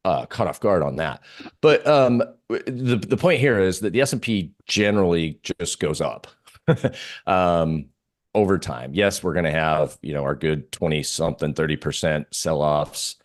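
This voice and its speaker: An interview guest with an extremely low-pitched voice chats informally about the markets. He tends to repeat himself, working through his thoughts as he goes.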